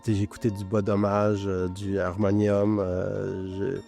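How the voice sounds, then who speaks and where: A middle-aged man born in Lebanon speaks. He has a low voice and an earnest, searching delivery with small hesitations. Faint music runs behind him. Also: little pitch movement, unhurried, creaky, warm tone. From born in Lebanon, raised in Quebec. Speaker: multidisciplinary artist and musician. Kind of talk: interview testimony.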